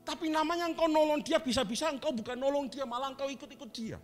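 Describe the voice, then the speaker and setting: A male pastor preaching a sermon with lively storytelling, acting out quoted dialogue. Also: extremely high pitch, quick pace, soft background music.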